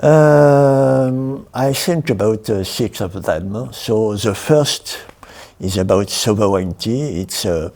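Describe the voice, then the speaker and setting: Halting man listing points. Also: lowish voice, darkish tone. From France. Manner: halting, many restarts and fillers, listing points. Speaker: payments industry executive, guest. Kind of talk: interview answers. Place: event studio.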